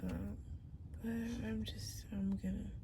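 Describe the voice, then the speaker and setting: A woman with a thick, muffled voice from a sore, swollen throat, often breathy and close to a whisper, talking haltingly and casually as in a personal video diary. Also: medium pitch, big pitch swings. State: sore swollen throat after tonsil surgery, effortful and tired. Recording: clear background noise.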